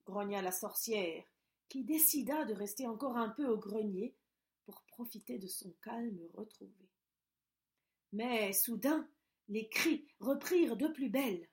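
Slow, gentle female storyteller. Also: a little high. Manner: gentle, slow, dropping to a soft hush. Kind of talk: reading a children's story aloud.

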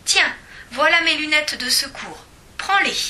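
A woman's voice: high-pitched, lively intonation, a little slow, voice pushed up, full character voice. Monsieur Taupe, a woman doing a kindly old mole man. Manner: chuckling, gentle and fatherly.

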